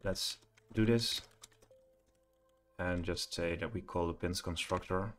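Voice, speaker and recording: A man's voice: deep voice, steady tone, slow, fairly bright tone, faint music behind. A middle-aged man giving a live coding walkthrough from a home office, thinking aloud and hesitating with many fillers. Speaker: programming tutor.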